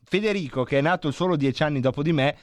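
A man's voice: a little high, fast, no echo. A man hosting a radio show, talking in a playful, joking, digressive comic monologue into a studio microphone. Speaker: radio host.

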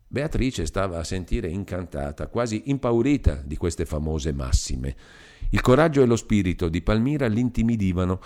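A man narrating a classic novel in full, measured and expressive. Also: deep voice. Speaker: audiobook reader. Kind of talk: literary audiobook narration.

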